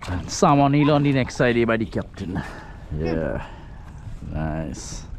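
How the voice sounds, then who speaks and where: A man with a Trinidadian accent giving chatty, excitable running commentary while fishing from a small boat. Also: on the low side, measured pace. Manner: chatty, excitable, creole phrasing. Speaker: fishing vlogger. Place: outdoors on a small boat at sea. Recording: noisy outdoor water and wind.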